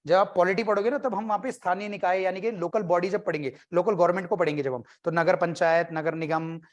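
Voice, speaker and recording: A male coaching teacher gives an exam-prep lecture. He keeps it loose and conversational, firing quick questions at the class and slipping in jokes between the facts. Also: sits high, fairly even intonation, highs cut off. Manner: conversational, quizzes students and jokes.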